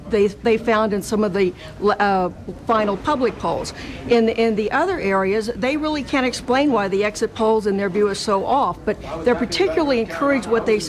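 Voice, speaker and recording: An American woman working as a television correspondent, delivering a live election report from a party headquarters. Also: fairly high pitch. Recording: live remote report amid clear crowd noise. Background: crowd at party headquarters.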